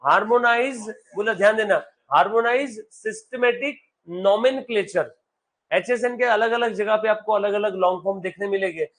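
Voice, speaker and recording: Male commerce teacher, high voice, live classroom, quizzes students often. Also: steady tone, fairly bright tone. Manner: quizzes students, calls them beta; reads English text slowly, explains in Hindi. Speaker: accountancy teacher.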